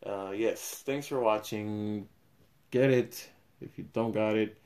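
A man's voice: lowish voice, slow pace, a little mellow. A young man giving a casual unboxing review of collectible cards, thinking aloud, his voice fading in and out as he moves around the camera. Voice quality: level drops in and out as he moves. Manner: rambling, thinks aloud while opening packs. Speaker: card collector reviewing a product. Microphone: camera mic, filming at an awkward angle.

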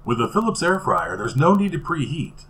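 A man with a slightly high voice, speaking at a moderate pace, hosts a home cooking show from a small kitchen. He talks casually as he cooks and tastes, relaxed and chatty, with fillers and restarts.

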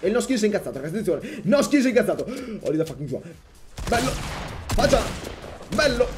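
A young man commentating his own gameplay as a channel host, excitable and jokey, jumping between loud outbursts and low muttering. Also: fast. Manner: jokey, sings and mocks opponents. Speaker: gaming YouTuber.

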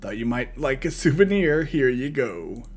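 A man's voice: mid-range voice, big pitch swings, normal speed. A man voicing a friendly older ship engineer with a folksy, casual delivery, reading game dialogue. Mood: friendly, offhand. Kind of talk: read-aloud of game dialogue.

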